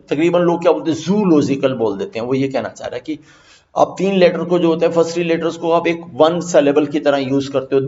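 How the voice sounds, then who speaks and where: In an online vocabulary lesson mixing Hindi and English, a man with a slightly high, somewhat mellow voice reads English definitions slowly, then explains them fast. The audio is dull.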